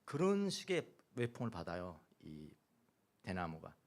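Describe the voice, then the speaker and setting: Animated male pastor preaching a sermon. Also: low voice, measured pace. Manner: animated, swings from loud exclamations to soft murmurs; humorous asides with laughter. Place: church sanctuary.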